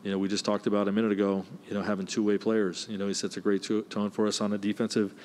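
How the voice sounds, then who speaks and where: A man in his forties, a basketball head coach, answering press questions in a measured way with many "you know" fillers, on a desk mic in a press room. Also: fairly low pitch, little pitch movement, a little mellow. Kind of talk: postgame press conference answers. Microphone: desk mic, close.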